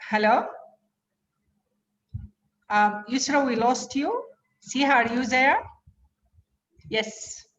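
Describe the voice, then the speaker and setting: A woman's voice: high voice, lively intonation, slow pace, long pauses, a bit bright, echoey room. A woman heard over a video call, hesitant and full of fillers as she checks whether the others can hear her. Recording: muffled, distant video call audio.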